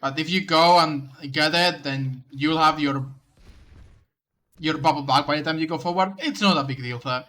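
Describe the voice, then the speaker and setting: A man's voice: a little high, moderate pace, a bit bright. A man reviewing someone's game footage, coaching them in casual commentary, often stumbling and restarting his sentences. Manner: coaching, direct advice.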